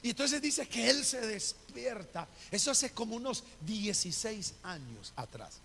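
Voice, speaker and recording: A man's voice: sits high, very animated, measured pace, vocal fry, sharp tone, slightly rough, big-room sound. A male pastor preaching a sermon, telling a personal story and acting out the voices of the people in it. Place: church hall.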